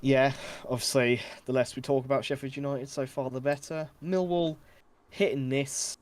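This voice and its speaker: A man's voice: medium pitch, fairly even intonation, a little mellow. Man talking football predictions. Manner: measured, hesitant with fillers. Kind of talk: casual football chat.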